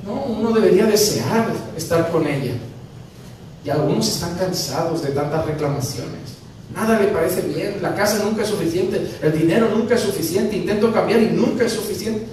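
High-voiced pastor in echoey church. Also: male voice, moderate pace. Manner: animated, acting out dialogues with humor. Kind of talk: sermon. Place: church sanctuary. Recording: very echoey church from a distance, faint noise.

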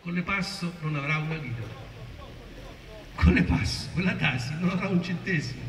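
A man with a southern Italian accent from Salento giving a booming, declamatory political speech at an outdoor rally. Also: moderate pace, fairly bright tone. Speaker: local politician addressing a rally. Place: open town square at night, far from the camera. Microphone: distant phone camera picking up the speech. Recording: echoey, distant, noisy outdoor phone recording.

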